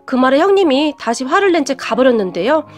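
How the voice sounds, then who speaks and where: A woman narrates a scripted first-person story, indignant and confiding. Her voice is high and swings widely in pitch. Soft background music plays throughout. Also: sing-song, a little fast.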